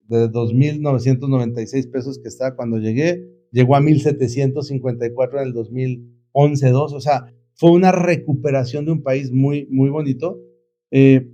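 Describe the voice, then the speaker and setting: A man's voice: medium pitch, warm tone, muffled recording, slight background noise. A middle-aged man, an entrepreneur guest telling his story in a casual, reflective way, rambling with many fillers and restarts. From Mexico.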